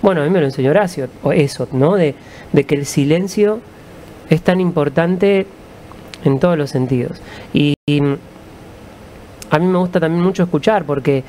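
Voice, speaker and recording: A man with an Argentine accent, a musician guest, answering in a calm, reflective storytelling way. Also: fairly high pitch, normal speed, long pauses, a little hiss or hum. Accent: Argentine Spanish.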